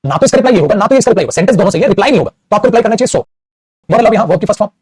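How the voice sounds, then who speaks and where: A man teaching grammar at a rapid clip, his voice high for a man and a little husky. He repeats himself often and keeps checking in with the class. The sound is dry and close. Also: animated, darkish tone, no echo. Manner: repetitive, addresses students as "beta", frequent "very good". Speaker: English teacher. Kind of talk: classroom-style grammar lesson.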